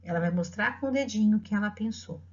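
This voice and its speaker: A middle-aged woman teacher with a Brazilian Portuguese accent, patiently explaining to parents and dictating words slowly. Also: medium pitch, a little mellow. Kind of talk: instructional talk to parents. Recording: dull lo-fi audio.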